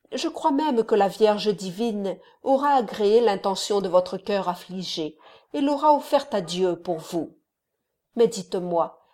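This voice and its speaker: A woman voicing an elderly kindly male friar who gives gentle, fatherly counsel. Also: medium pitch, close to an everyday voice.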